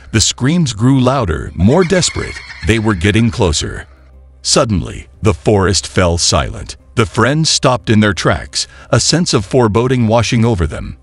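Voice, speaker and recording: A man narrating a scripted horror story in a dramatic, suspenseful way, with a husky voice. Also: lowish voice, no echo.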